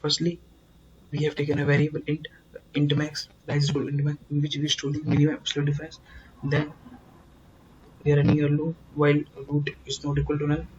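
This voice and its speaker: A man teaching a coding lesson, explaining slowly and emphatically, repeating words and filling pauses with "uh". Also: on the high side, completely flat delivery, darkish tone, highs cut off, slight background noise. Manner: slow, repetitive, emphatic explaining with many fillers. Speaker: programming tutor.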